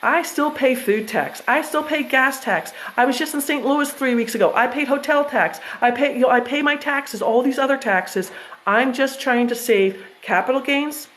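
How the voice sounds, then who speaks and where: A woman's voice: high voice, moderate pace, fairly bright tone, low-quality recording. Chatty American woman presenting. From United States. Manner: chatty, self-interrupting, with frequent fillers and restarts. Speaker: trust educator presenting to investors. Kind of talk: casual presentation with slides.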